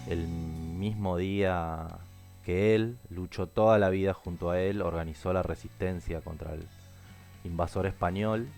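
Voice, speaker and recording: A man's voice: low-pitched, a little mellow. A man hosting a podcast, talking casually and earnestly with many fillers. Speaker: podcast host. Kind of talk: casual spoken commentary.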